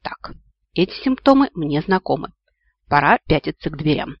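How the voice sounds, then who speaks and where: Man reading a fantasy audiobook, wry, slightly high voice, dry dull lo-fi sound. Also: big pitch swings, normal speed. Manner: wry, ironic asides. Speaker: audiobook narrator. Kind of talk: fantasy audiobook narration, first-person heroine.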